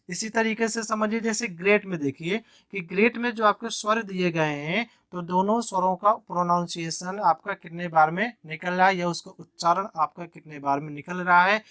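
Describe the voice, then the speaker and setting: A man's voice: sits high, fairly bright tone, no echo, clean studio sound. A male teacher explaining an English grammar lesson in Hindi, step by step, with frequent repetition of key points.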